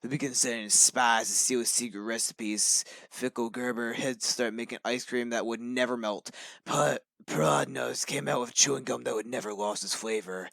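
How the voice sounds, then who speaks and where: A man's voice: mid-range voice, steady tone, moderate pace, creaky, fairly bright tone, no echo. Young man reading a story playfully. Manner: hammy, playful storytelling with silly voices. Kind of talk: reading a story aloud to friends on a call. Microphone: phone.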